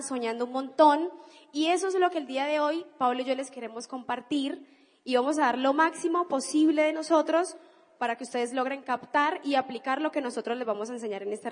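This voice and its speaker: A Colombian woman with a high, bright-pitched voice delivers a motivational business talk, enthusiastic and emphatic. Her voice carries a long hall reverb, as if she is speaking in a large convention hall. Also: fairly quick. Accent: Colombian (Cali).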